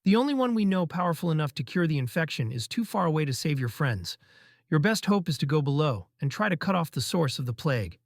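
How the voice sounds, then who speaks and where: A man's voice: a little high, big pitch swings, quick pace, no echo, studio quality, pitched above the performer's own voice. A man voicing a grave temple acolyte who gives urgent warnings in a fantasy tale.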